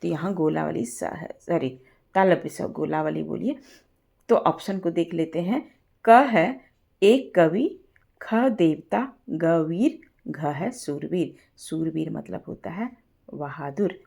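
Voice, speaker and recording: Slow, gravelly-voiced woman teaching grammar. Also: sits low, dark tone. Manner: explains step by step, asks rhetorical checks. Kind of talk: Hindi grammar lesson.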